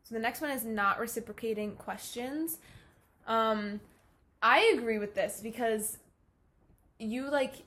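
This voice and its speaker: A woman's voice: on the high side, a little slow, pauses often, fairly bright tone. A young woman co-hosting a podcast, chatting casually in a blunt, playful way and laughing often. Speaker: podcast co-host. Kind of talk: casual chat. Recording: faint ambient noise.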